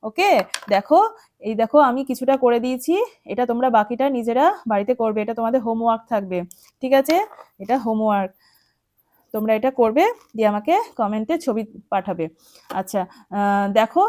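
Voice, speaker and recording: A fairly high-pitched woman with a West Bengal Bengali accent teaches young children, counting and spelling each word slowly. Her tone is mellow and soft, and the recording is close and dry. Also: no echo. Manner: patient, coaxing, checks in with "ঠিক আছে?". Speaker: primary school teacher. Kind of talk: children's textbook lesson, spelling words aloud.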